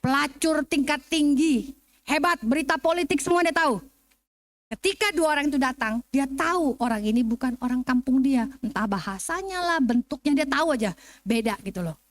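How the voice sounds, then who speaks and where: Singapore-born woman speaker, high voice, chatty Bible teacher who keeps asking the room questions. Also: moderate pace. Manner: lively, joking, quizzes the audience. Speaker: seminar speaker.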